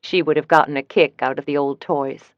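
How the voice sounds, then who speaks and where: A woman's voice: low-pitched, steady tone, fairly quick, dry recording. Woman reading an audiobook, dull dry sound. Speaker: audiobook narrator. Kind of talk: first-person audiobook narration.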